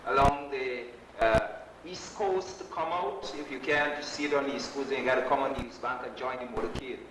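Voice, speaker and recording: Male speaker, Rastafari speech, halting and deliberate event announcer. Roomy, far from the mic, some noise. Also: mid-range voice, sharp tone. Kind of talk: public announcement at a gathering. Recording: echoey, distant microphone with background noise.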